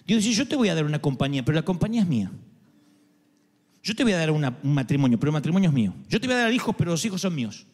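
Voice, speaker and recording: A man preaching a sermon to an audience, animated, acting out the voices of God and of people, and talking straight to the crowd. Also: on the high side, racing. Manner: addresses audience directly. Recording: long hall reverb with faint music.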